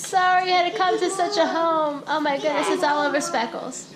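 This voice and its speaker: A woman, a mother filming her kids at home, narrating in a playful vlog style with lots of excited, laughing exclamations. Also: high-pitched, fairly quick, a loud crowd. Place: house, indoors.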